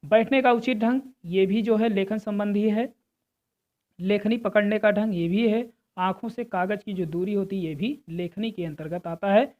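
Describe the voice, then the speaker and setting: A woman's voice: mid-range voice, normal speed, phone-quality sound. A woman teaching exam preparation, reading out multiple-choice questions and steadily explaining each answer while addressing viewers as friends.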